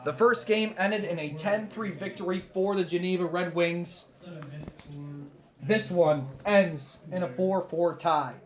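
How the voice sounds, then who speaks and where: Hoarse man calling a baseball game. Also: high voice, roomy sound. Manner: calm measured calls, rising on big plays. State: losing his voice, coughing. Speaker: play-by-play announcer. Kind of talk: baseball play-by-play commentary.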